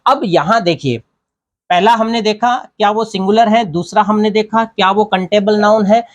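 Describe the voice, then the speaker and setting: A man's voice: sits high, moderate pace. Male grammar teacher, explaining step by step, repeating himself and checking in with the class. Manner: explains step by step, repeats key points, often asks "theek hai na". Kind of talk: classroom-style grammar lesson.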